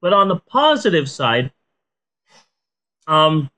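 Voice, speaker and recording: A woman podcaster talks in a stoned, rambling way. Her low-to-mid voice takes its time and swings widely in intonation. She drops deadpan jokes and curses into loose, casual chat. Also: takes it slowly. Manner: deadpan joking, sweary. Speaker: podcast host.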